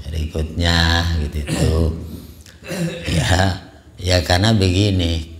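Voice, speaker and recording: A middle-aged man giving a casual sermon in a small prayer hall, full of rhetorical "ya kan" asides and light chuckles. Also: low voice. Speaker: ustadz giving a religious study talk.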